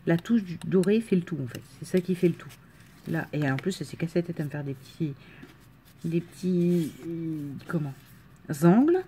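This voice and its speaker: A woman's voice: lowish voice, expressive, normal speed, warm tone, a little hiss or hum. A woman from the Marne with a slight northern French accent, chatting casually and enthusiastically as she unboxes crafts, with frequent fillers and laughs. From Marne, France. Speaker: crafting vlogger.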